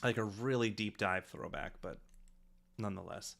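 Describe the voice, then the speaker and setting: A fairly low-voiced man with vocal fry hosts a casual director's commentary as an audio drama director and stream host. His speech is halting, reflective and rambling, like a relaxed live stream.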